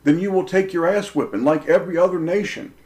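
A man's voice: sits high, fast, darkish tone. A man delivering a preaching monologue, emphatic, with rhetorical questions and punchy, repeated lines. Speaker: religious commentator.

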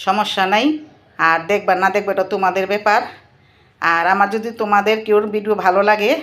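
A woman, narrating a casual home cooking vlog and chatting warmly with her viewers as friends. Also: medium pitch. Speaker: cooking vlogger.

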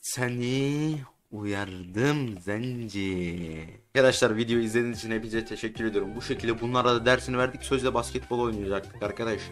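A man in casual game roleplay chat, joking, excitable and often shouting. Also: medium pitch, very fast, few pauses. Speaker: roleplay streamer.

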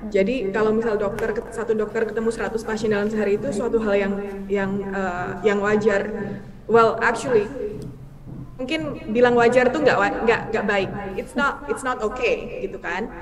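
A woman's voice: mid-range voice, fairly even intonation, moderate pace, a crowd in the background. A woman from Indonesia, a physician guest, answering interview questions over a video call, hesitant with many fillers and English terms mixed in. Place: indoor room.

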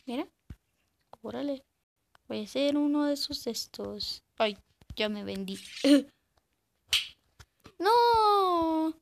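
A woman's voice: fairly high pitch, unhurried, creaky, long pauses, a little hiss or hum. A woman gives casual, hesitant commentary while playing a game and sometimes squeals in panic. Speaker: gaming channel host.

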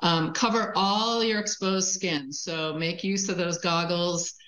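A woman spokesperson offers tips in a casual way. Her voice sits a bit low and rings in an echoey room. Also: steady tone, a little slow, fairly bright tone. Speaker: ski industry spokesperson. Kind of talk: interview.

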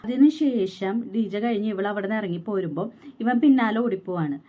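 A woman's voice: mid-range voice, expressive, mellow, dull audio. A pregnant young woman, telling a personal story in a vlog and quoting what others said. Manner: fast, aggrieved storytelling with quoted dialogue. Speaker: vlogger.

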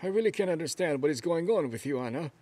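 A man's voice: a little high, expressive, fast talker, darkish tone, no room sound. An actor dubbing a stern, angry older father who scolds his daughter-in-law. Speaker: dub actor. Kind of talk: drama dub.

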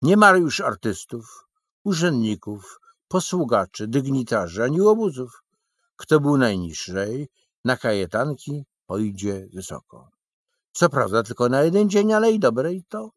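Shrill emphatic little man as a man puts him on, storybook, husky, lively. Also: measured pace, no room sound, clean studio sound. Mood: fussy, emphatic. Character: fussy little man of a kingdom.

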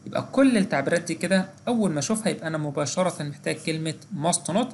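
A man's voice: a little high, lively intonation, very fast, a little mellow, slight background noise. An English teacher with an Egyptian Arabic accent, explaining grammar step by step and asking and answering his own questions. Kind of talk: exam-prep grammar lesson.

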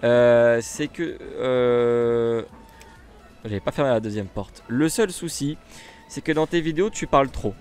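In a mid-range, slightly mellow voice at a measured pace, a French-accented gaming YouTuber talks through a bus simulator game. His commentary is casual and meandering, packed with fillers and restarts.

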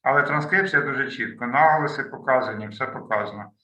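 A man's voice: medium pitch, fast, bright, forceful tone, reverberant, low-quality recording. A man teaching a beginners' language lesson over a video call, explaining his materials and thinking aloud as he clicks through slides. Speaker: language tutor. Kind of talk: online lesson walkthrough.

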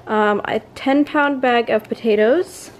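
A woman's voice: a little high, a little slow. Young female family vlogger, casual and rambling, recorded on a camera mic at home with faint room noise. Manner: chatty, rambling, with fillers and self-corrections. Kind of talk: casual vlog chat. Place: home bedroom, then kitchen.

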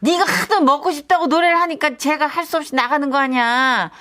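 A woman's voice: high voice, bright, forceful tone, voice pushed up. A woman radio host voicing a fussy, doting middle-aged mother who keeps nagging her son in a comic radio skit. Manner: exclaims often, scolds in a fast rising voice.

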